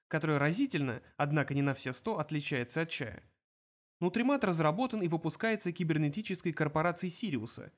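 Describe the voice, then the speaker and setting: Guy reading an audiobook, steady storytelling, voice a bit high. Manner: measured storytelling. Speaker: audiobook narrator. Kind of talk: scripted narration.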